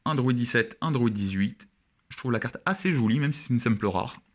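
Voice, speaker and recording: A man's voice: medium pitch, lively intonation, fairly quick. A young man chatting casually and with enthusiasm as he opens trading cards and admires each one. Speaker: card opening vlogger. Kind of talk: casual card-opening commentary.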